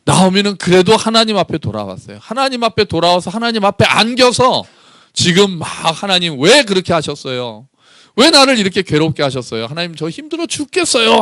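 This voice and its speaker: A man's voice: a little high, no echo, studio quality. A male pastor preaching a Sunday sermon in church, asking the congregation questions and voicing anguished prayers. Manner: animated, acts out anguished prayers with rising voice.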